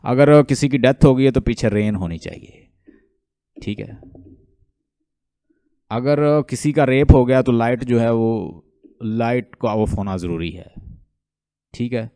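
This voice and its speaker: Guy teaching online, mellow voice, dry close sound, keeps asking the class then answering. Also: mid-range voice, takes it slowly, pauses often, clear, resonant tone, dry recording. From Pakistan. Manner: lively and repetitive, asks questions to the class then answers them; mixes English terms into Hindustani speech. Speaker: English literature lecturer. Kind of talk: online lecture.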